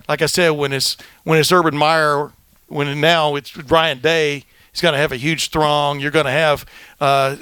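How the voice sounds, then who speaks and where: A man's voice: fairly high pitch, a bit bright, smooth, no room sound. An older man hosting a podcast, telling long rambling anecdotes in casual chat with lots of fillers, on a dry close mic. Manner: rambling anecdotes with many fillers, acts out quoted voices. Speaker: podcast host, veteran sportswriter.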